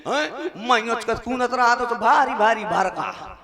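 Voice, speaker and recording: Male Bundeli folk comic, very high and unhurried, rustic monologue over music. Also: a crowd in the background. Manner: rustic, self-mocking, with laughs in the voice. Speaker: folk comedian. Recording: music backing behind the voice.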